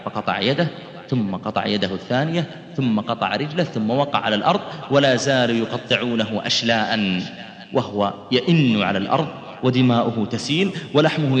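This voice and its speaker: A man preaching and telling a story in a dramatic, rhythmic style with sweeping swings in pitch. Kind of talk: sermon storytelling. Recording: reverberant hall.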